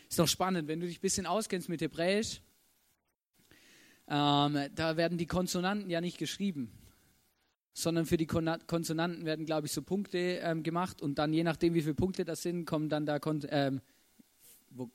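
A man preaching a casual sermon, chatty and often checking in with the audience. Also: fairly high pitch. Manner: chatty, keeps asking "oder?".

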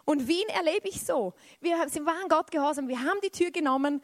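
Woman preaching, lively then hushed, fairly high voice, dry close sound. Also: a little fast, no echo. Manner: animated, swinging from loud exclamations to soft hushed emphasis. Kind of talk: sermon.

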